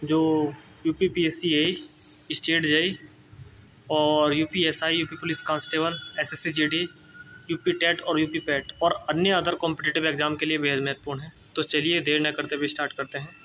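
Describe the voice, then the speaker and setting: A man's voice: on the high side, level tone, normal speed, bright, forceful tone, slight background noise. A man running an exam-prep spelling lesson, repeating each word several times and checking in with his students as he goes.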